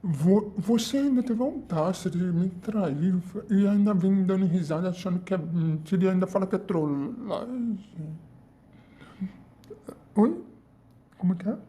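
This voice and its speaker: A woman voicing a furious young man who feels betrayed by his fiancée, speaking in indignant, sharp outbursts. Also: mid-range voice, unhurried, long pauses, close to an everyday voice.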